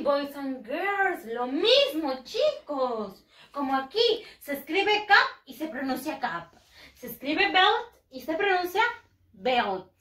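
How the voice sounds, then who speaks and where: A woman with a high, bright voice leads a bilingual lesson for young children, drawing each word out slowly so they can repeat it. Her pitch swings widely from word to word. She sounds a little away from the mic in an echoey room. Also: far from the mic. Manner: slow, exaggerated and patient, repeating words for children to copy. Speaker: first-grade English teacher.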